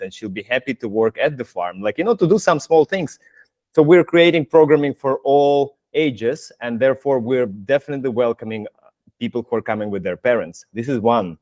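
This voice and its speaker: Laughing, animated male host. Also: medium pitch, no room sound. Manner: animated, laughing, restarts sentences. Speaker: community project host. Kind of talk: casual online Q&A. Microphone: video call.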